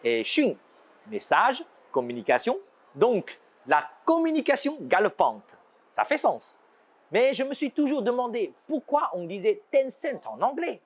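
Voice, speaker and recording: Lively man. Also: very high-pitched, unhurried. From China. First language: Chinese. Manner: lively explaining with playful asides. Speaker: show host. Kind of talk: scripted educational presentation.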